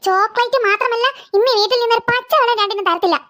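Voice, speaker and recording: Woman voicing a fed-up scolding cartoon mother, high bright voice, sharp tongue. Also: rapid-fire. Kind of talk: cartoon voice acting.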